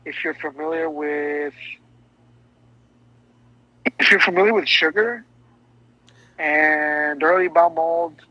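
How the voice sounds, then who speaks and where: In a casual music discussion, a male podcast co-host eagerly rambles about albums and restarts his sentences. He takes it slowly, leaving long pauses, and his fairly evenly intoned voice is on the high side. The recording is dry and dull lo-fi.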